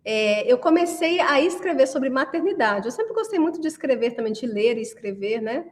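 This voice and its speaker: A woman's voice: high-pitched, sing-song, moderate pace, a little hiss or hum. A woman from Brazil giving a chatty class to parents, often asking listeners to agree as she talks. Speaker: course creator addressing parents. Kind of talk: casual promotional class talk.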